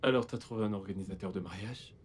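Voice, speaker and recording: A calm, raspy fiancé. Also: male voice, on the low side, quick pace. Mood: pleased. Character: young man, fiancé, calm and pleased. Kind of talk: dubbed film acting.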